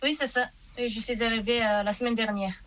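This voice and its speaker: A woman's voice: a little high, steady tone, fairly quick, a bit bright. A woman speaking French with a Japanese accent, a guest singer in a radio interview, hesitant with many fillers and a slight cold.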